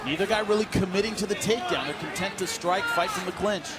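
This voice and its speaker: A man analyses a live cage fight as color commentator. He has a fairly high voice and an informal, conversational way of talking. A very loud arena crowd fills the background. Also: quick pace. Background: roaring fight crowd.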